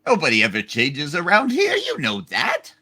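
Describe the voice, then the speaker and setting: A man's voice: on the high side, wildly swooping pitch, normal speed, bright, forceful tone, slightly rough, exaggerated voice. A man playing a jolly, scatterbrained, tipsy old uncle in a hammed-up play reading, rambling and exclaiming. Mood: amused.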